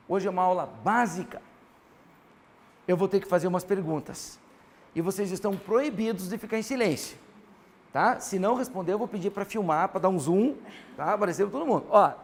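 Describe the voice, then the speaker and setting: Constantly pushing his students for answers, an animated grammar teacher leads the lesson with a Brazilian Portuguese accent. His voice sits high.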